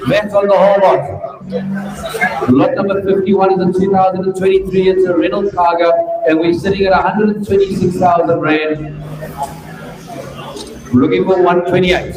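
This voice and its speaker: A South African man working as an auctioneer, calling bids at a live auction in a repetitive, rhythmic patter. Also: high voice. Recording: echoey hall, distant mic, crowd around.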